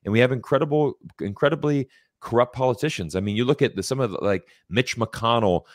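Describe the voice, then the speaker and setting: A man's voice: medium pitch, a little fast, dry recording, studio quality. An American man in his forties talking casually in an interview, emphatic and repetitive, often restarting his phrases. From United States. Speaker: guest commentator.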